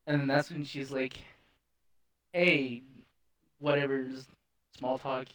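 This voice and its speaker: A man's voice: mid-range voice, normal speed, poor audio. Young man telling a wild story. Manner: animated, swears, laughs often. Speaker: podcast co-host. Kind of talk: casual storytelling chat.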